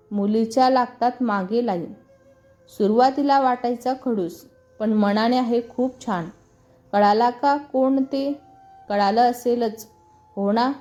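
A woman reading a serialized family story aloud, voicing all the characters' lines in her own lively storytelling voice. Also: on the high side. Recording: muffled voice over background music.

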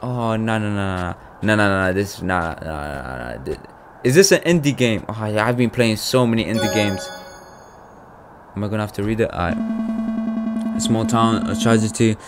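A young man giving casual let's-play commentary on a horror game, jumpy and swearing, his voice jumping high when scared. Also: fairly quick, soft background music. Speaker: gaming YouTuber.

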